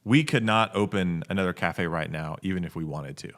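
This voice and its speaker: A man co-hosting a casual business podcast, talking in a reflective, measured way and coming back to the same key phrases. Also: low-pitched, fairly bright tone. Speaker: coffee company co-owner, podcast host.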